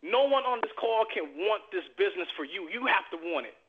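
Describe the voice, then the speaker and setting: A man's voice: animated, a little fast. A man giving a fired-up motivational talk on a team conference call, emphatic and repeating himself like a preacher. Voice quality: high-pitched, emphatic, repeats phrases and calls to the team. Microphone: telephone. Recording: tinny phone line.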